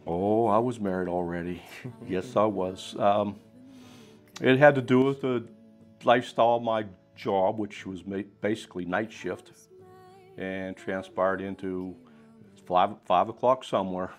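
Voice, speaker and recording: Relaxed low-voiced man in his sixties. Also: unhurried, soft background music. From Pennsylvania. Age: 60s. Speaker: interviewee. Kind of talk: documentary interview storytelling.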